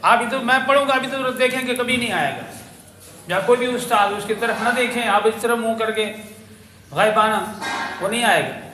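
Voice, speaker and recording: A man's voice: high voice, sharp tone. A man teaching Quran pronunciation to a memorization class, patiently explaining letters and lip shapes and repeating his points. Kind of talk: tajweed lesson for memorization class. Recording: echoey room with faint ambient noise.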